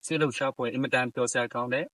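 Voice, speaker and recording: Young male event host, very fast formal speech, dry close sound. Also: medium pitch, fairly even intonation, a bit bright, no room sound, low-quality recording. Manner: rapid, formal delivery.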